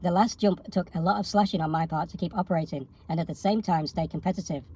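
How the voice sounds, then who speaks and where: A woman co-hosting a talk show who reads viewer comments aloud in a brisk, matter-of-fact way. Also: on the low side, dark tone, breathy edge. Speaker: co-host reading viewer comments.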